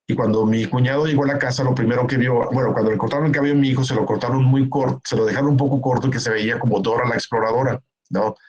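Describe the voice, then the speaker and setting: A man speaks at a mid pitch, earnest and explanatory. He gives a keynote talk and now and then acts out what parents and relatives say in quick asides. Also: a little mellow, dull audio. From Mexico. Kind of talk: conference talk, answering a question.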